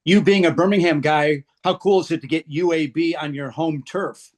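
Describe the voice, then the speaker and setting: A man's voice: a little high, steady tone, moderate pace. A male sports reporter on a video call, asking friendly, direct questions at a press conference.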